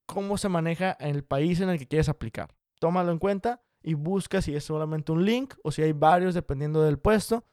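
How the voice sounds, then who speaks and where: A young man giving casual career advice straight to the viewer, direct, brisk and encouraging. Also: a little high, a little mellow, no echo, clean studio sound. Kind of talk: casual explanatory talk to viewers.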